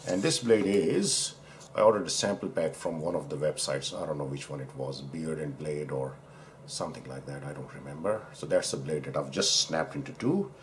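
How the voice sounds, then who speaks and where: This man has a rumbling low voice and a moderate pace, with a little hiss or hum on the recording. He's a doctor from Pakistan chatting through a razor unboxing at his indoor desk under an overhead camera, rambling, correcting himself, and admiring the parts.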